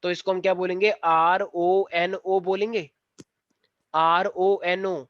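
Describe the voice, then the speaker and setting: A male chemistry teacher with a fairly high voice lectures a class with playful teasing, slipping English terms into his explanations. The sound is dry and close, with a slightly dull, lo-fi tone. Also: little pitch movement, slow pace, fairly bright tone, no echo.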